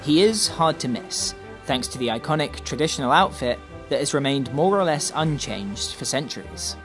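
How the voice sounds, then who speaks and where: A man's voice: on the high side, animated, moderate pace. A man reading scripted narration for a feature report as its reporter. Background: music.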